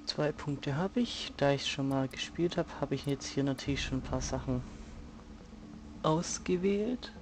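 Male let's player, understated and laconic, gravelly, unhurried, game sounds underneath. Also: medium pitch, background noise. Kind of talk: casual gameplay commentary. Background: video game action sounds.

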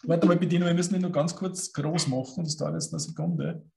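A man hosting a live photography stream, brisk as he moves the show along. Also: on the high side, steady tone, creaky, dark tone. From Austria. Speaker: host. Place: studio room with concrete wall.

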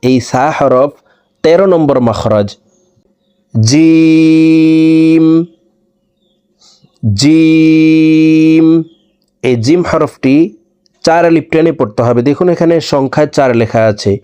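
A man's voice: medium pitch, normal speed, darkish tone. A man teaching the Arabic letters, saying each one twice and then spelling and explaining it. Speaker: Quran teacher. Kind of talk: slow step-by-step recitation lesson.

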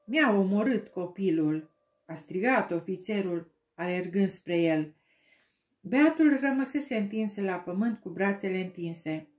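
A woman narrating an audiobook with slow, expressive storytelling. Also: medium pitch, reverberant. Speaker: audiobook reader.

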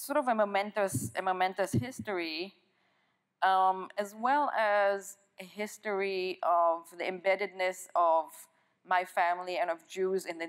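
A middle-aged woman from Israel speaking as an author in an onstage conversation, reflective and often restarting her sentences. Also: lowish voice. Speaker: author and guest. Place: stage of an auditorium.

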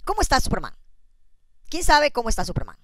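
Chatty woman telling jokes with lively pitch. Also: quick pace, no room sound. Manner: chatty, asks the audience riddles and laughs at own jokes. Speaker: joke-telling channel host. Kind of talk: casual joke telling to camera.

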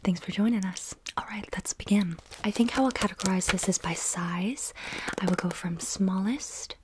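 A young woman whispering in an ASMR style, soft and intimate, close to the microphone, lingering on and repeating words. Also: mid-range voice, moderate pace, background noise. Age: young adult. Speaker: ASMR video host.

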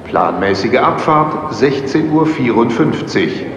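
A man reading formal announcements over a station loudspeaker in a measured way. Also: medium pitch. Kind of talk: scripted public-address announcement. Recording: echoey hall, dull lo-fi sound, steady background noise.

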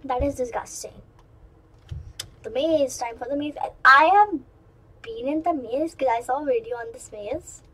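A woman giving chatty, excitable let's-play commentary, rambling in asides to her viewers. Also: sits high, normal speed, slightly rough, poor audio. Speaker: gaming channel host.

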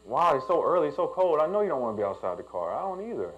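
A man's voice: fairly high pitch, very animated, racing, lo-fi sound. A young man, a pastor telling a personal story in a sermon and building to emphatic preaching.

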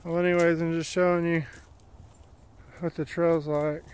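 A man's voice: fairly high pitch, little pitch movement, normal speed, a little mellow, smooth. Chatty man hiking a trail. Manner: chatty, plainspoken, rambling. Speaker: vlogger. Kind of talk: casual walking commentary. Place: wooded dirt trail outdoors. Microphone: handheld phone camera while walking.

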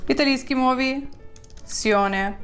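A woman teaching an online language lesson, drilling words slowly and asking her learners questions. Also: sits high, fairly bright tone, faint music behind.

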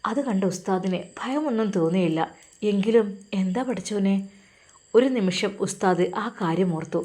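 A woman's voice: medium pitch, normal speed, mellow. A woman narrating a religious story in a dramatic, emotional manner. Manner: dramatic, lingering.

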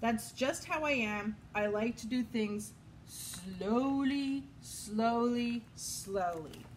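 A woman voicing a calm, unhurried male sloth in a storybook reading, speaking in a slow, mellow way. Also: on the high side, slight background noise, rough recording. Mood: placid.

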